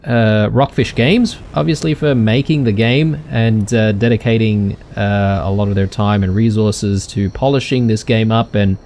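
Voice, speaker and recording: A man's voice: lowish voice, steady tone, moderate pace, hardly any pauses, a little mellow, slight background noise. A man hosting a let's play, chatting casually to viewers with many ums and uhs. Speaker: gaming channel host.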